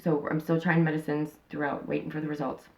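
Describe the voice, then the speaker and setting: Deep-voiced and creaky, this woman in her thirties talks fast with little pitch movement. An interviewee and channel host, she speaks frankly in a casual interview, rambling through lots of fillers and restarts.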